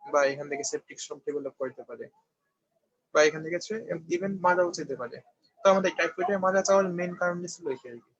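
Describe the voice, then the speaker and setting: A man's voice: high-pitched, dry recording. A young man from Bangladesh giving an online medical review lecture, explaining step by step and often checking that students follow. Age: young adult. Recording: dull, slightly lo-fi dry recording.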